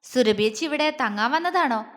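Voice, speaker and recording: A woman voicing a calm, stern young wife who speaks coolly and firmly. Her voice is high. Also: normal speed, big-room sound. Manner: cool, firm.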